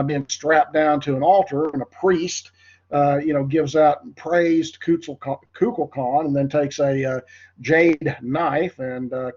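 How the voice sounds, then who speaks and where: A man's voice: fairly high pitch, a little mellow, dull audio. A man giving an informal history lecture, talking conversationally with many fillers and asides.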